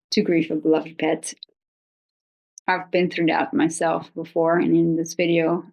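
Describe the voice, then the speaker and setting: A woman talking informally to viewers as a video host, consoling and reassuring, with a hesitant, halting delivery. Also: low-pitched, vocal fry, muffled recording. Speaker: video host giving pet-loss advice. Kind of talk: informal, unscripted talk to viewers.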